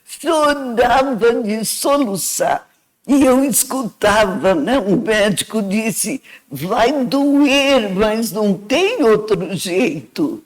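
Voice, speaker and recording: A woman's voice: medium pitch, poor audio. A woman with a Brazilian Portuguese accent earnestly telling a personal testimony as a guest, reflective and often adding "né". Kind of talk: emotional first-person storytelling.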